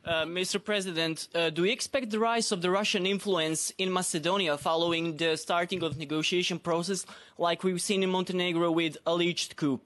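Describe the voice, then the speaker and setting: A man reporter asking a formal, measured question at a press conference. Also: high-pitched, fairly even intonation, a bit bright.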